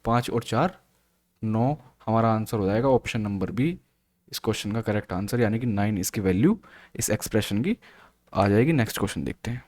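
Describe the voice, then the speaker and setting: A man's voice: lowish voice, brisk. Man walking through math problems step by step. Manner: steady step-by-step explaining, asks and answers own questions. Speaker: math teacher. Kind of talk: exam solution walkthrough.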